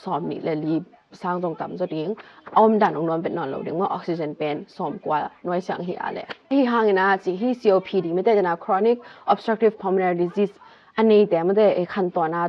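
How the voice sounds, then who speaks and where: A woman vlogger calmly explaining a health topic, stepping through medical terms one by one. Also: lowish voice, brisk, dull audio.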